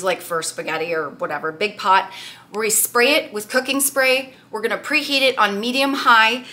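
A vlogger in her thirties talks through her meal prep in a home kitchen, chatting casually in an upbeat way with cutesy words. Her voice is on the high side, bright, and forceful.

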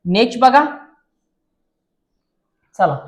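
A man's voice: very high-pitched, very animated, extremely slow. A male teacher walking students through an exam paper, constantly asking rhetorical questions and calling viewers his friends. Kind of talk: exam paper walkthrough lesson.

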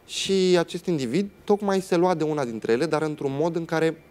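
A man's voice: on the high side, a little mellow. A young man, a guest on a TV talk show, telling a personal story in a dramatic way and acting out what other people said.

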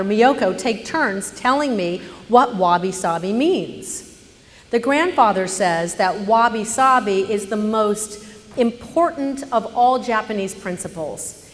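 A woman telling a personal story on stage, animated, swinging from hushed narration to loud indignation. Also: medium pitch, in a large hall.

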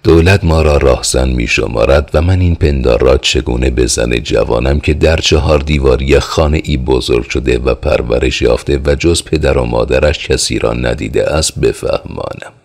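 Brooding hesitant young man, read by a man, slow earnest speech, very deep voice, gravelly, audiobook. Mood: doubtful.

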